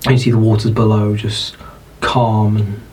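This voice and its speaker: A man with a British accent, narrating as dungeon master in an unhurried, descriptive way. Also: on the low side, little pitch movement, a little mellow, a little hiss or hum, rough recording. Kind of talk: narrating a tabletop game.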